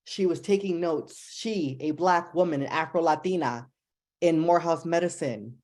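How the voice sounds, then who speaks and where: A young adult woman from New Jersey, with a New Jersey accent, delivers an impassioned, fast-paced speech as a symposium panelist. Her voice is low and a little mellow, and she sounds emphatic and pleading.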